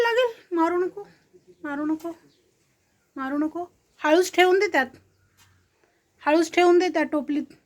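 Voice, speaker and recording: Woman, very high voice, unhurried, Marathi accent, coaxing baby talk with a toddler, repeats short phrases. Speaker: parent talking to a toddler.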